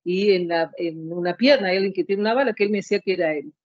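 A woman's voice: on the low side, quick pace, darkish tone, dry recording, highs cut off. A woman in her late fifties telling her own story as an interview guest, rambling and heartfelt. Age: 50s. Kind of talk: emotional personal account.

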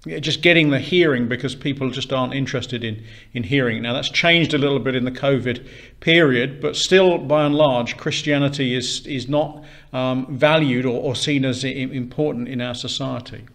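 A man preaching a sermon at a pulpit microphone, earnest, asking rhetorical questions and often pausing with "uh". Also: mid-range voice, a bit bright. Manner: earnest, asks repeated rhetorical questions, frequent "uh" pauses.

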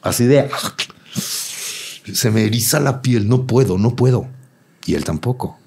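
A man's voice: medium pitch, measured pace, creaky, husky. A Mexican man in his thirties, a guest telling a personal story in casual chat, acting out the voices of the people in it. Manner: animated storyteller, acts out quotes.

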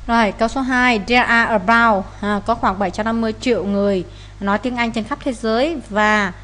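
A woman's voice: on the high side, fairly quick. A woman, teaching as she explains answers to an English test, with many "à" fillers. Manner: frequent "à" fillers, steady explaining.

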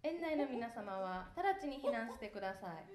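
A woman voicing a female amusement park announcer whose call comes over a public loudspeaker. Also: fairly high pitch, lively intonation, moderate pace. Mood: announcing. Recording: echoey and heard from afar.

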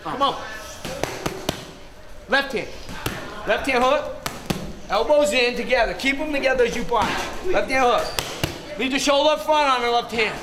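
High-pitched male boxing coach calling combos. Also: measured pace, long pauses. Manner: short clipped commands with brief encouragement. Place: open-air boxing gym, in the ring. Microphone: camera mic a few metres away. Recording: echoey open gym, loud background noise.

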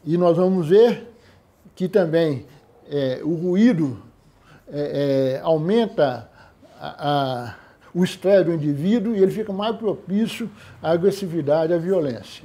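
A man's voice: fairly high pitch, animated, a little slow, mellow. A man giving an interview as a professor, speaking hesitantly with many fillers. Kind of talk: explanatory interview speech.

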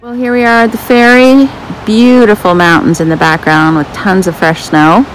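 A middle-aged woman chatting casually through a family travel vlog, relaxed and upbeat, filming on a phone. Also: medium pitch, moderate pace. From Canada. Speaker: family vlogger. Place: outdoors and in a car on a road trip. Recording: music playing under the voice.

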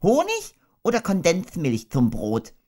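A fussy, prim storybook rabbit with a very high, thin voice that swoops up and down, as a man puts him on. He talks clipped and curt, ever cautious, brisker than the narration around him. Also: huge pitch swings, a little mellow, exaggerated voice. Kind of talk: audiobook character voice.

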